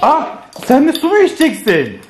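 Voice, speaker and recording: A man's voice: very high-pitched, moderate pace. A man filming a casual family vlog, talking playfully to his kids and the viewers. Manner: lively, playful, often laughing while talking to children and viewers. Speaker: family vlogger. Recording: noisy home video recording.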